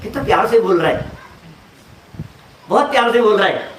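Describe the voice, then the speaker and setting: A man's voice: high-pitched, lively intonation, moderate pace, a bit bright, recorded from a distance. A man giving a religious discourse, asking his listeners rhetorical questions and acting out short everyday dialogues. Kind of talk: sermon. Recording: echoey hall, voice from off the mic, faint noise.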